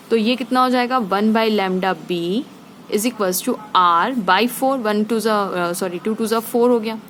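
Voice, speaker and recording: A woman teacher with a slightly high voice explains a physics problem step by step, with slight background noise. She often asks her students checking questions and mixes in English terms.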